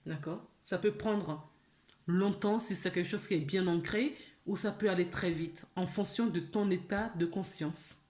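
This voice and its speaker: A woman giving a spiritual guidance reading, speaking straight to the listener with many gentle questions and "d'accord?" check-ins. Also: fairly low pitch, echoey room. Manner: slow, questioning, addresses listener directly. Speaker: spiritual channeler.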